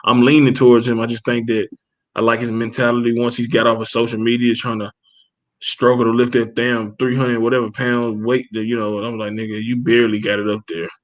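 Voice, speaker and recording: A man co-hosting a casual boxing chat, profane and animated, acting out quotes as he tells stories. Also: medium pitch, fairly quick. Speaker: podcast co-host.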